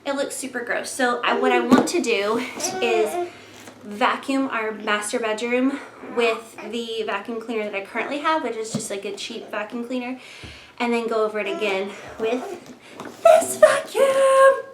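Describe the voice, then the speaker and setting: A young woman, chatting excitedly to camera at home, a bit out of breath. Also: a little high, moderate pace. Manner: bubbly and excited, chatty with many fillers. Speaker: home cleaning vlogger. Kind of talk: casual chat to camera. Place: home bedroom, indoors. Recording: echoey room with clear background noise.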